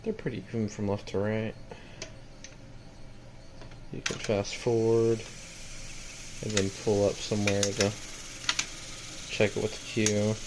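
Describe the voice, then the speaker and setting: Speaking slowly and often pausing, a man with a fairly low, level voice shows off equipment he has for sale. The plain, matter-of-fact demonstration is captured on a noisy home video.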